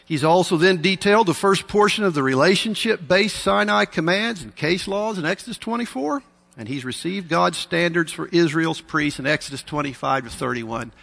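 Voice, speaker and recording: A man delivers a sermon into a pulpit microphone, his fairly high voice catching into gravel. He talks in an earnest, measured way with dry asides. The sound rings with the long reverb of a large hall. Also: animated, fairly bright tone. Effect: preaching into a pulpit microphone. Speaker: preacher.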